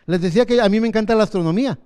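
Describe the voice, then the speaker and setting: A man in his fifties preaching a sermon as pastor, earnest, slowing down for emphasis. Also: high-pitched, a little mellow, clear, resonant tone. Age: 50s.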